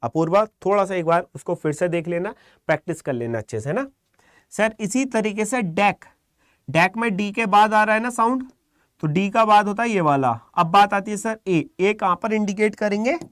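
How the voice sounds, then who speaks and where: A man teaching a live online shorthand class, calm and encouraging, quizzing students by name. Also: high-pitched, moderate pace, no room sound, studio quality.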